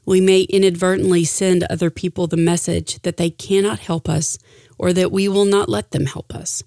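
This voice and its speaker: A middle-aged woman reading a personal reflection aloud in an earnest, deliberate way with emphatic phrasing. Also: fairly low pitch, darkish tone, no echo, clean studio sound. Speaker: speaker sharing a personal reflection.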